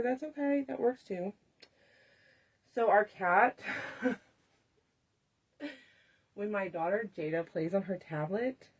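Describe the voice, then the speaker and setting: A woman hosting a live craft demonstration, chatting to viewers and laughing often as she works. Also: medium pitch. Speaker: craft tutorial host.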